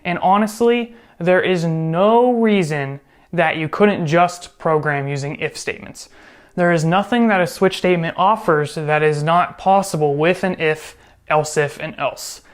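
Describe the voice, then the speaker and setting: A man's voice: on the high side, measured pace. A man teaching programming in a casual screen-recorded tutorial, chatty and joking, often correcting himself as he goes. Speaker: programming instructor.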